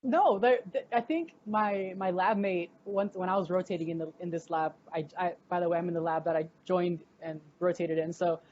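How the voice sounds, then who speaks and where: A woman's voice: fairly low pitch, fairly even intonation, moderate pace, hardly any pauses, darkish tone, dull audio, slight background noise. A young woman, a graduate student, chatting casually in an interview with many fillers and restarts.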